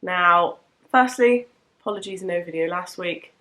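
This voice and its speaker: A woman's voice: on the low side, unhurried, a bit bright. A young woman chatting casually to camera about the books she has read, her voice nasal from a cold, rambling and correcting herself as she goes. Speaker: book vlogger.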